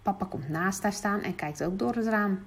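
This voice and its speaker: Breathy woman reading a children's story. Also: medium pitch, moderate pace. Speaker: narrator.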